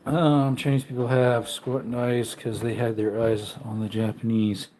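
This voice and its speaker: In a dark-toned, unhurried voice with little pitch movement, a man in his thirties hosts a casual home livestream from his man cave, rambling and reading viewers' comments; calling his dog brings out high baby-talk. The recording is low quality with slight background noise.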